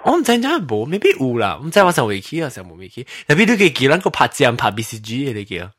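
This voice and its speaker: A man's voice: medium pitch, sing-song, fast talker, a bit bright, no room sound, studio quality. A man in casual chat, telling childhood stories animatedly and laughing, switching between languages.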